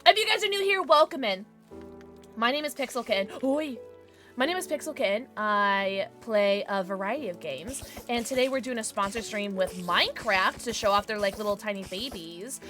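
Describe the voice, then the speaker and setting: A young adult woman chatting casually on a gaming livestream in a cute, bubbly, animated, exclamatory manner with playful slang. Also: mid-range voice, normal speed, soft background music. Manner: animated, exclamatory, swinging from murmurs to squeals. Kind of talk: casual livestream chat over gameplay.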